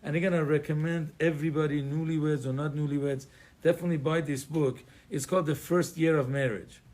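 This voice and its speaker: Male rabbi from Iran, informal class delivery, digressive and wry, slightly raised pitch. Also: steady tone, a little fast, darkish tone. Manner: conversational, digressive, joking asides, frequent fillers. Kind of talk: informal Torah class to a live audience.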